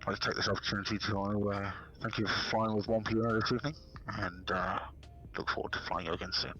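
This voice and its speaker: A man's voice: fairly low pitch, steady tone, pushed and bright. A man playing a muffled pilot over the intercom. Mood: calm, formal. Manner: measured, formal announcement delivery with many pauses. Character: male airline first officer making a cabin announcement. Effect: muffled pilot-over-the-intercom sound made by cupping a hand around the mic. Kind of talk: playful improvised pilot announcement during a livestream.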